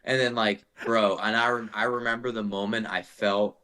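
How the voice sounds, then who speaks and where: A young man, a metal vocalist guesting on a podcast, telling stories in a casual, animated and profane way, saying "bro" constantly. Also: on the low side, normal speed. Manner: animated profane storytelling, says "bro" a lot. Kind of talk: casual chat.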